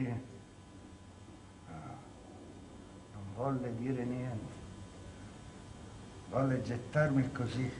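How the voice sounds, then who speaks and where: A proud, cunning clerk nursing a bitter grievance, played by a man on stage. He speaks slowly and theatrically, dropping to a hush and then rising to a shout. The sound is distant and echoey, caught from far off in a theatre with faint ambience behind. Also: medium pitch, noisy background, close to an everyday voice. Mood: anguished. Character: proud wronged middle-aged male clerk Ciampa, bitter and cunning. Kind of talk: stage acting. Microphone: distant room mic.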